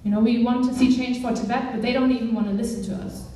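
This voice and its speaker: A young German woman, a campaigns director, addresses a live audience in a large, echoey hall, her voice distant from the mic. Her mellow, warm voice sits a little high, with fairly even intonation and a quick pace. She sounds earnest and conversational, with lots of fillers.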